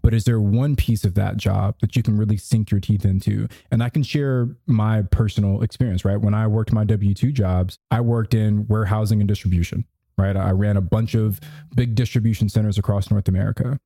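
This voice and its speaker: A man's voice: on the low side, fairly even intonation, a little fast, gravelly, mellow, slightly rough, dry recording, studio quality. A man co-hosting a podcast, giving casual, conversational advice and often checking in with the listener. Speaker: podcast co-host.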